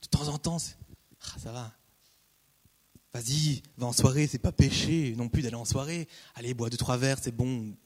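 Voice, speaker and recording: A man voicing a tempting devil, who talks low and offhand to coax the listener into small sins. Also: moderate pace, darkish tone, natural voice. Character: coaxing tempter devil, male, casual and persuasive. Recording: long hall reverb.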